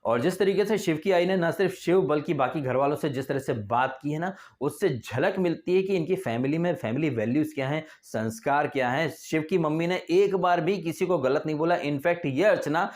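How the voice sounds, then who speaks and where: A man's voice: fairly high pitch, normal speed, few pauses, darkish tone. A man reviewing a reality TV episode in casual, opinionated commentary, full of sarcastic rhetorical asides. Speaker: TV show reviewer.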